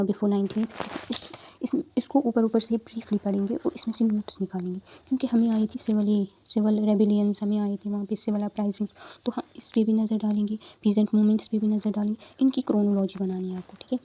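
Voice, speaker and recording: A woman's voice: medium pitch, warm tone, slight background noise. A young woman tutoring exam candidates in a casual study-guidance talk, explaining step by step with frequent fillers and check-ins.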